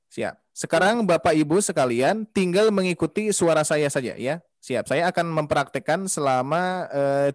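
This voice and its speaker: High-voiced man teaching on a video call. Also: no room sound, clean studio sound. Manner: patient, repeats melody drills slowly and sings the tones. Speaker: Quran recitation teacher. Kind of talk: online class over video call.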